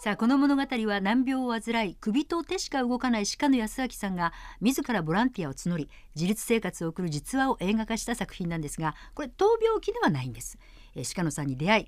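A woman hosting a radio interview, brisk and attentive, with frequent short backchannels. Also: on the high side, no echo, studio quality. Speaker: radio host.

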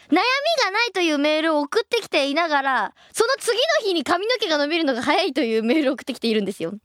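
A young woman in her twenties hosting a radio show, reading listener letters and answering them in a chatty, playful way, her voice a little husky. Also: high-pitched, no echo, clean studio sound. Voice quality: a bit husky, by her own account. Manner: lively, chatty and playful, laughs at her own slips.

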